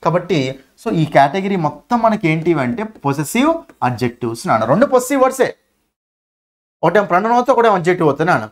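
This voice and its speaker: A man with a Telugu accent teaching an exam-prep grammar lesson, speaking quickly and emphatically and often checking that students follow. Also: sits high, very animated.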